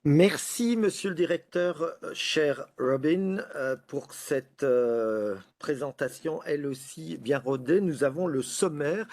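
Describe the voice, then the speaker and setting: A man moderating a panel, introducing speakers in an unhurried way with informal asides and many fillers. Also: on the high side, lively intonation, darkish tone.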